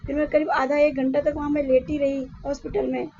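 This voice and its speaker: A woman's voice: sits high, little pitch movement, brisk, gravelly, dark tone, muffled recording, slight background noise. A woman with a Lucknow Hindi accent, talking casually to her viewers in a rambling, repetitive way while weak and in pain. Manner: rambling, repeats herself, tired and weak. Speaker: vlogger. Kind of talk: casual vlog talk to viewers.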